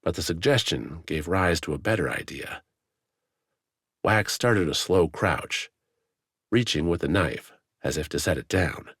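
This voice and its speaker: A man narrating a fantasy audiobook in a measured, dramatic storytelling manner, on a close studio mic. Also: sits low, expressive, a bit bright, husky, no room sound. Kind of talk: scripted narration.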